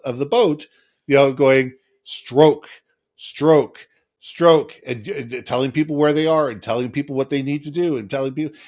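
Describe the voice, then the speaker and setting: A man co-hosting a podcast who explains his points through analogies, with many restarts. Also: mid-range voice. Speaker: podcast co-host. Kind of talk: casual chat.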